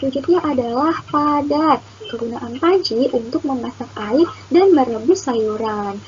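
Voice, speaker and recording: A woman's voice: high-pitched, measured pace, darkish tone. A young woman narrating a children's lesson as a teacher, in a sing-song way as if reading to a toddler. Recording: muffled lo-fi recording, faint noise.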